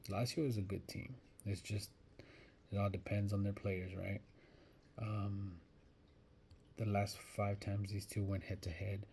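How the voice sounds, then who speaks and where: A man's voice: fairly low pitch, flat delivery, a little slow, pauses often, dark tone, slight background noise. A man giving casual soccer betting predictions, thinking aloud and hesitant, often restarting his sentences. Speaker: sports betting vlogger.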